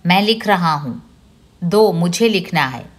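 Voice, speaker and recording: A woman voicing a stubborn boy who refuses to give in and leans on every word. The voice sits low and moves slowly and deliberately. It is a read-aloud storybook scene. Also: lively intonation. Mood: defiant. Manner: insistent, pressing each word. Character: stubborn, hurt boy who defies his family.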